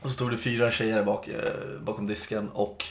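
A man's voice: on the low side, little pitch movement, gravelly, slight background noise. A man in his twenties, a podcast co-host, rambling through a casual story and acting out the dialogue. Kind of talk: casual chat. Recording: echoey room.

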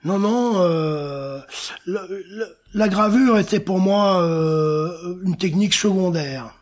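Speaking slowly in a voice that sits high, a middle-aged artist, engraver and painter answers interview questions. He was born in Senegal and spent his childhood in Africa, and he tends to search for words and repeat himself.

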